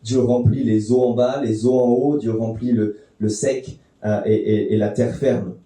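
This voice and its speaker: A man preaches a sermon in a dark, mellow voice, talking through the text in an easy, conversational way with the odd filler and restart. The sound rings around a very echoey church hall, and he stands some distance from the microphone. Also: mid-range voice, fairly even intonation, unhurried. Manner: conversational teaching with fillers and restarts, addressing the congregation.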